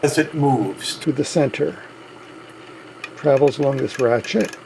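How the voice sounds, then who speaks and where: A man with a gravelly, mid-range voice hosts a hobby video, narrating a hands-on repair plainly and methodically. He speaks a little slowly with a darkish tone, and the recording carries a little hiss or hum.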